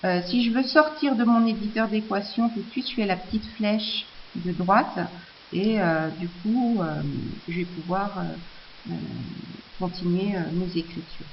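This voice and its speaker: A woman talks through a screencast tutorial at a mid pitch, pausing often on fillers and restarting her sentences. The recording sounds a little dull and lo-fi, with a faint hiss underneath. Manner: hesitant, many fillers and restarts.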